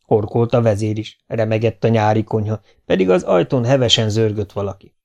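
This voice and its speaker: A man reading a children's novel aloud as an audiobook, in steady storytelling narration. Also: on the low side, vocal fry, muffled recording. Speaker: audiobook reader.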